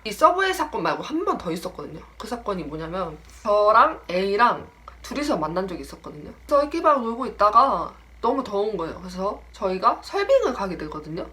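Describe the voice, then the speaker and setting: A woman's voice: medium pitch, fairly quick. A young woman in her twenties telling a casual story about a friend, acting out the lines in different voices. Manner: animated, acts out the quoted lines in voices. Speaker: storytelling vlogger.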